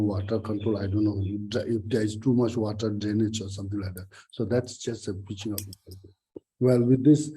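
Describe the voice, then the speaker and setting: A man, a training center principal, giving a halting introductory pitch on a video call and often correcting himself. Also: warm tone, poor audio. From Bhutan.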